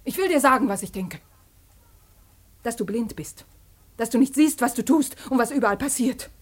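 A desperate young daughter in an old radio play. Her voice is high and she speaks with pleading intensity. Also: expressive, moderate pace. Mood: reproachful. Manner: impassioned, pleading. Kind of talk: 1950s radio play acting.

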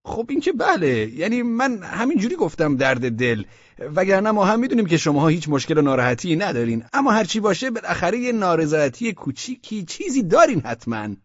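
A man's voice: very animated, dry recording. A man voicing a flustered, evasive official in an audiobook, stammering and hedging. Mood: flustered insistence. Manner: stammering, high-pitched, pleading. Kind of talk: audiobook character voice. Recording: dull, dry audio.

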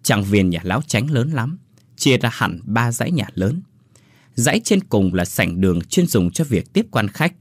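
Lively husky male storyteller. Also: dry recording, clean studio sound. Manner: lively, voices characters with rising pitch. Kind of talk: scripted story narration.

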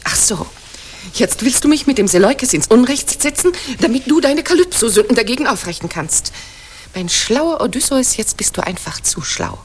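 An actress playing Penelope as a proud, coquettish wife, teasing and pointed, in 1940s radio drama style. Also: female voice, fairly high pitch, big pitch swings, normal speed, slightly rough. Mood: indignant. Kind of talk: 1940s German radio play acting. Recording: vintage radio recording, faint noise.

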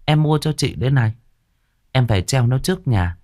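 A man voicing a young servant girl who talks in soft, muttering asides in a spoken ghost story. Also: mid-range voice, expressive, normal speed, pitched above the performer's own voice, close to an everyday voice. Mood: tender. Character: young servant girl, wry and quietly defiant.

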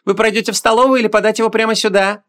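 Male reader doing a prim house-spirit butler, formal, high voice, comic fantasy audiobook. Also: steady tone, rapid-fire, fairly bright tone.

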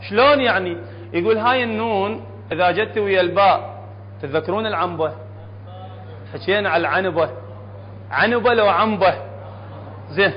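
A man with an Iraqi accent teaching a Quran recitation lesson to an audience in a hall, often quizzing them with questions. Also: sits high. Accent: Iraqi Arabic. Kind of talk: classroom tajweed lesson. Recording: dull, echoey hall recording with faint hum.

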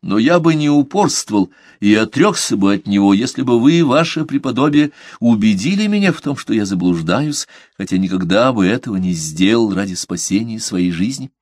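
A man reading a calm, quietly firm merchant. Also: fairly low pitch, no echo. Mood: composed. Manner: measured, polite, quietly firm. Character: calm devout male merchant under questioning. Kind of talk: audiobook character reading.

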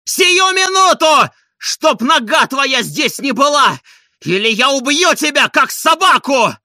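A man voicing a normally gentle man driven to fury in an audiobook, shouting strained, drawn-out commands. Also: extremely high pitch, expressive, no room sound, studio quality, pitched above the performer's own voice, full character voice. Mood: furious. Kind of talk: audiobook character reading.

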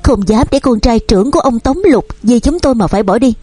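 A spiteful stepmother who is cold and cutting, played by a woman. Her lines rise higher than the narration. The voice is husky and the recording is dry. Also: fast talker, no echo. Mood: angry. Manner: sharp, cold, shouting. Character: bitter, spiteful middle-aged stepmother.

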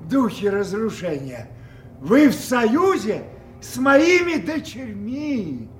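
A man's voice: high-pitched, heavily acted. An actor playing an anguished old king who rages at a storm in grand, impassioned Russian stage tragedy verse. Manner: grand, drawn-out, impassioned declamation. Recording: echoey studio drama with loud music.

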